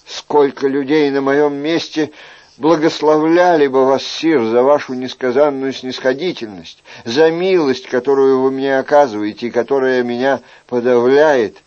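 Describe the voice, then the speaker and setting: A man's voice: mid-range voice, steady tone, normal speed, darkish tone, lo-fi sound, lightly acted. A man reading an audiobook, voicing an earnest, lovesick young male courtier in a fervent, pleading manner.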